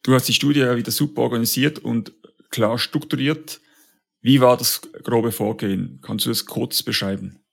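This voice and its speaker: A man's voice: medium pitch, steady tone, moderate pace, gravelly, fairly bright tone. A man hosting a podcast, asking questions in an upbeat, enthusiastic way and reading a sponsor message. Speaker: podcast host.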